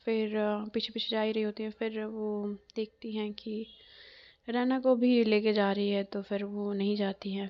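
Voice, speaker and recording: A woman's voice: medium pitch, vocal fry, muffled recording. A woman narrating a love story casually, hesitant with frequent fillers and self-corrections.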